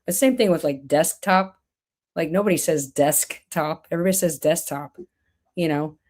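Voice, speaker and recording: A woman's voice: fairly low pitch, lively intonation, very fast, mellow. A woman hosting a live stream, chatting casually and rambling with lots of restarts and fillers. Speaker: stream host.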